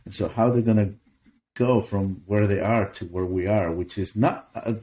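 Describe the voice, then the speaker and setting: A man's voice: on the low side, normal speed, mellow. A middle-aged man from Peru, a native Spanish speaker, answering interview questions in an earnest way, often restarting his sentences. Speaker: pastor.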